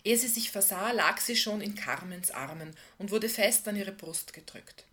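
A woman reading aloud from a novel in a calm, measured way, often trailing off softly at the end of phrases. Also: mid-range voice. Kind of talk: literary reading.

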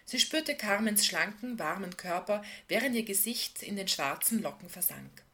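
A woman reading aloud from a novel in a calm, measured way, often trailing off softly at the end of phrases. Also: medium pitch. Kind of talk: literary reading.

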